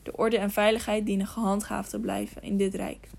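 Woman voicing grim knight, man, sharp commanding tone, mid pitch, storybook reading. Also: level tone, brisk, vocal fry. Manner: sharp, stern questioning. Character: stern grey knight, grown man, commanding.

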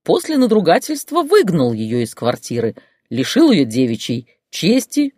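A reader voicing a hefty, brash woman who loudly declaims her accusations. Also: mid-range voice, huge pitch swings, normal speed, dry recording, clean studio sound, pitched above the performer's own voice. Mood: accusing.

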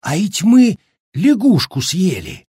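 A man's voice: high-pitched, wildly swooping pitch, slow, mellow, slightly rough, dry recording, studio quality, voice pushed up, heavily acted. A man voicing an indignant male Cossack farmer who bellows in shock. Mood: outraged.

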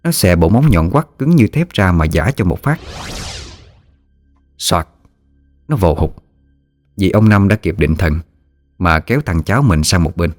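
A man narrating a ghost story in a steady storytelling manner. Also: low voice, unhurried, long pauses, no room sound. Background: soft music.

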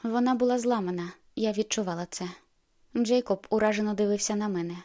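A woman's voice: mid-range voice, fairly quick. Woman narrating an audiobook. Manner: expressive reading, voices the heroine's outbursts. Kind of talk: scripted first-person narration.

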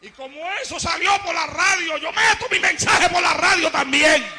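A male pastor giving an impassioned sermon, shouting fiery lines and then dropping to low, quiet asides. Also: moderate pace.

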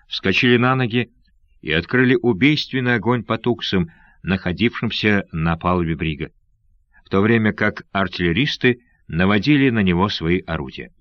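Here a deep-voiced male narrator delivers an adventure story in measured, steady fashion, in the style of a classic audiobook reading from a script. The sound is dry and roomless, slightly dull and lo-fi.

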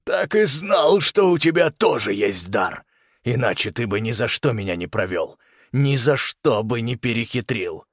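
A man voicing a cruel middle-aged soldier lieutenant who makes cold, sneering threats in a hoarse, rasping voice. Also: lowish voice, moderate pace, no echo, clean studio sound, close to an everyday voice. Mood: gloating. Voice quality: hoarse rasp.

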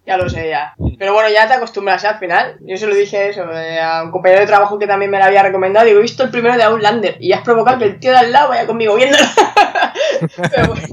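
A woman's voice: mid-range voice, expressive, quick pace. Chatty woman, laughing often. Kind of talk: casual chat.

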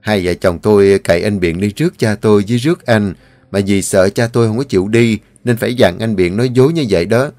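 A man's voice: lowish voice, fast talker, darkish tone, dry recording, lightly acted. A man reading the part of a polite, respectful young son-in-law speaking to his father-in-law. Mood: courteous.

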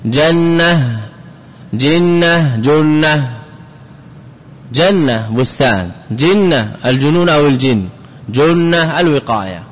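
A man's voice: on the high side, lively intonation. Man teaching grammar, echoing in a hall. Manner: explains slowly, repeating example words and asking rhetorical questions. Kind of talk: classical grammar lesson. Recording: dull audio with long hall reverb.

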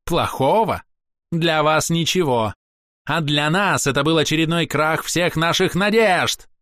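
A haughty elf with a ringing voice, pitched well above the reader's own and declaiming every phrase, as a male narrator puts him on. He is grandiose, capricious and full of spite. The reading is dry and close. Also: expressive, unhurried, a bit bright, no echo. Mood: indignant. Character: proud theatrical elf man, spiteful and vengeful.

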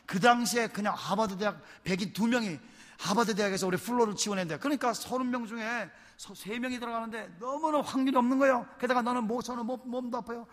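A man, a pastor, telling stories in a lively, chatty sermon in a church. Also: very high voice, fast talker. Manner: animated, chatty, laughs while telling. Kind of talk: sermon storytelling. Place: church sanctuary. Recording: long church hall reverb.

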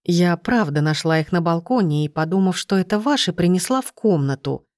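A woman's voice: fairly low pitch, expressive, a little fast, a little mellow, dry recording, studio quality, lightly acted. A woman reading a timid apologetic woman.

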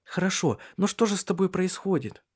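A man's voice: high voice, brisk, slightly rough, pitched above the performer's own voice. A man voicing an anxious, insistent young wife in an audiobook, pleading with pressing questions. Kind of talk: audiobook character reading.

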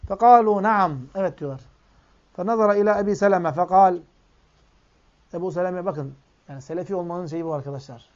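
A man gives a sermon in a somewhat high voice. He recites Arabic quotes, explains them line by line, and calls his listeners friends. The recording sounds dull and lo-fi. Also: a little fast, long pauses, darkish tone. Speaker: Islamic preacher.

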